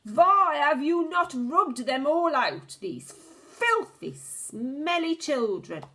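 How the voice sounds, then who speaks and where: A woman reading aloud gives voice to a screeching old witch queen, pitched far above a normal speaking voice and hammering out each word slowly and loudly. She rants and shrieks at her followers with savage contempt, swooping widely through her range. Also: sing-song, exaggerated voice. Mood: ranting furious. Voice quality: shrieking, screaming. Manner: slow, drawn-out, ranting commands. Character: shrieking, furious old female witch leader. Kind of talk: storybook reading.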